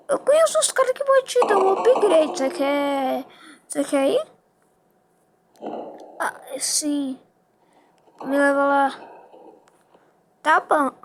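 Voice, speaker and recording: A high-voiced female speaker acting out a playful improvised story, doing several characters in turn. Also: a bit bright, a little hiss or hum.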